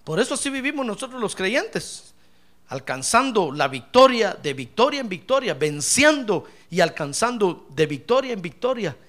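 A pastor delivers an animated sermon, his high, bright voice swinging widely between peaks and low asides. He addresses the congregation as brother, jokes with them, and mimics their complaints. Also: normal speed. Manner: animated preaching, calls listeners brother, acts out complaints.

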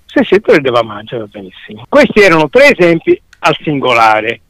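A male teacher with a Sicilian accent gives a dialect lesson in a fairly high, very lively voice. The recording is dry and close, and he spells out rules and examples in a didactic way. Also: brisk, no room sound. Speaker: language teacher.

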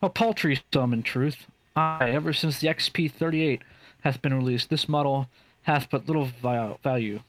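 A man's voice: mid-range voice, normal speed, close to an everyday voice. A man reading an eager young farm-boy hero in an amateur Shakespearean table read, plain and earnest.

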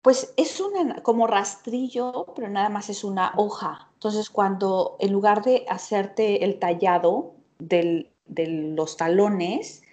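A woman's voice: mid-range voice, takes it slowly, few pauses, a little mellow. Enthusiastic woman chatting. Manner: enthusiastic, rambling, many fillers. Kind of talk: casual chat.

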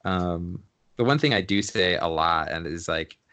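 A man's voice: sits low, measured pace, bright, forceful tone. A man being interviewed as a photographer, talking in a laid-back, slangy way and laughing often. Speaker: photographer guest. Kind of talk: casual interview chat.

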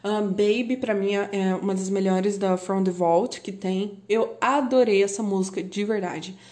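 A young woman with a Brazilian accent, chatting excitedly about music on her podcast, swearing and laughing often. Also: mid-range voice, a little slow. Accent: Brazilian Portuguese. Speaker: podcast host. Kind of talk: casual chat about music.

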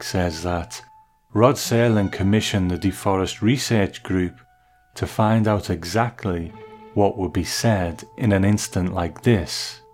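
A man hosting a review, giving semi-scripted commentary in a measured, conversational, reflective way. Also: lowish voice, a little mellow. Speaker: host of a TV episode review.

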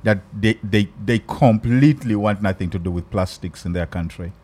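Ugandan male podcast host, low-pitched, conversational, searches for words. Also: darkish tone. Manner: thoughtful, halting with many restarts. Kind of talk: casual chat.

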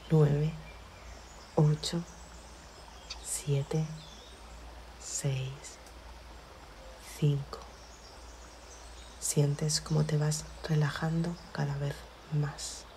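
Slow, low-voiced woman narrating sleep meditation. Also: flat delivery, mellow, slight background noise. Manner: soothing, measured, short phrases with long pauses. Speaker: guided relaxation narrator. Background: music behind the voice.

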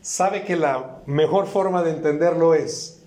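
Preaching as a guest at a church service, a man delivers an impassioned, repetitive sermon that rises into shouts. His voice is fairly high and unhurried, heard in an echoey room.

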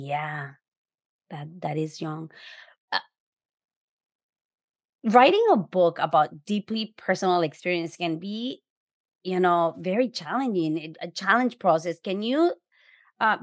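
A woman's voice: lowish voice, dry recording, clean studio sound. A woman podcast host, reading a scripted intro and then interviewing in an enthusiastic, effusive way.

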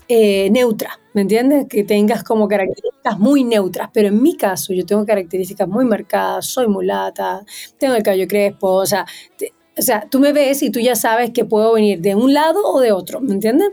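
A woman's voice: medium pitch, normal speed, mellow, faint music behind. A woman from Chile and Venezuela, a singer and TV presenter chatting as a guest in a casual interview. She is talkative, spontaneous and laughs often.

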